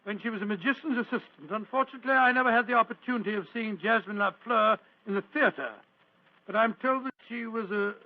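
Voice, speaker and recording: Genial old british doctor, high voice, hesitant storyteller, old radio drama, muffled lo-fi sound. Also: male voice. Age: older. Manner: chuckling, hesitant, old-fashioned courteous. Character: genial, doddering elderly Doctor Watson, storytelling old gentleman. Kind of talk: 1940s radio acting. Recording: dull, lo-fi old radio recording.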